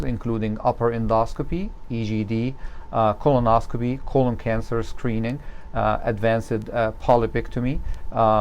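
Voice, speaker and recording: Brief: doctor in his forties, gravelly, flat delivery, hesitant with constant fillers, faint hiss behind. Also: mid-range voice. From Egypt. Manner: halting, many uh and um fillers. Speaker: gastroenterologist. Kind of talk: unscripted self-introduction.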